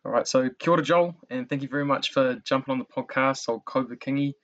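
A man's voice: mid-range voice, fast, fairly bright tone, lo-fi sound. A young man with a broad New Zealand accent chatting casually as a podcast host, matey and slangy, saying bro and man often. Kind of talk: casual interview chat.

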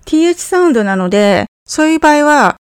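A woman with a fairly high voice leads an English lesson, explaining phrases and running repeat-after-me drills. She sounds friendly and encouraging when she says the English lines. The recording is dry and close, with no room sound. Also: sing-song, fast, dry recording. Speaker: English teacher.

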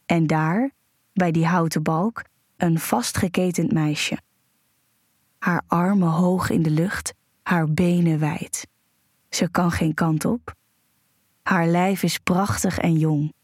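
A woman narrating a first-person erotic audio story in a slow, breathy, sensual way, with soft moans between sentences. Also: lowish voice, steady tone, no echo, studio quality.

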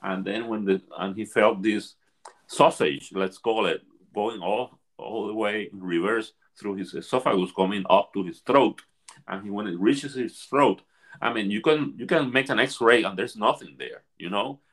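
A man with a very low, deep voice tells a long story in a relaxed conversation. He keeps repeating words and restarting his phrases as he goes, and his telling stays animated. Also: normal speed. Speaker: ayahuasca facilitator. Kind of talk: storytelling in a podcast chat.

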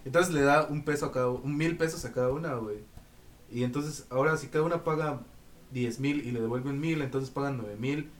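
A man's voice: medium pitch, brisk. A young man with a Mexican Spanish accent co-hosting a podcast in casual chat, slangy and laughing often, often trailing off mid-sentence. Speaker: podcast co-host.

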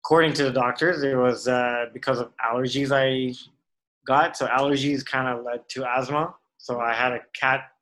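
A man in his late twenties, raised in Tanzania, speaking as a podcast guest in a relaxed way with frequent "uh" pauses. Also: medium pitch, low-quality recording. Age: late 20s. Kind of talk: casual interview.

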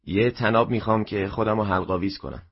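A man's voice: lowish voice, slightly rough. A man voicing a frail, persistent old woman customer in an audio story, insistent and exclaiming. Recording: dull lo-fi recording.

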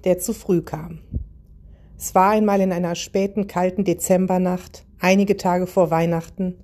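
A woman narrating a children's Christmas story in a calm, even reading style. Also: fairly low pitch.

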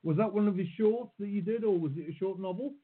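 Slightly high husky guy hosting a chat, lots of hesitating, sounds like he's on the phone. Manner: halting, hesitant questioner. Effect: heard over a phone-like call line. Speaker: podcast host. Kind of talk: casual interview questions. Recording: husky voice on tinny phone-like call.

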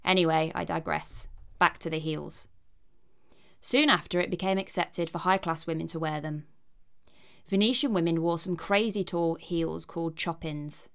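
A woman reads a scripted narration in a low voice. There is a noticeable creak in her tone. Her delivery is wry and cheeky, with conversational asides to the listener. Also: fairly even intonation, moderate pace.

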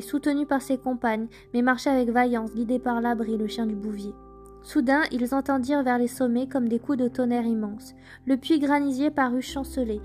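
A woman narrating traditional folk tales in a measured, gentle storytelling manner. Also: fairly high pitch. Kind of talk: scripted folk tale narration.

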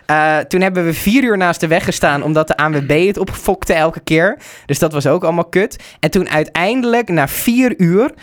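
A young man from the Netherlands telling a road-trip mishap in casual chat, animated, breaking into loud mock shouts. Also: fairly high pitch, normal speed. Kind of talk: casual storytelling.

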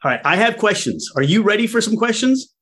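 Guy interview host, kinda high voice, super animated, jokey casual questions. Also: brisk. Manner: joking.

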